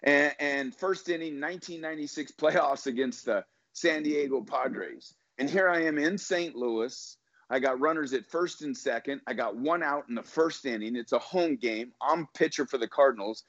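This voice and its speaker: A middle-aged man tells a story from his pitching days with motivational emphasis, often repeating words as he builds. His voice sits at an ordinary pitch, and the recording is dull and lo-fi with a dry, close sound. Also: normal speed, fairly bright tone, no room sound. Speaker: guest, former baseball pitcher. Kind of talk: storytelling in a podcast interview.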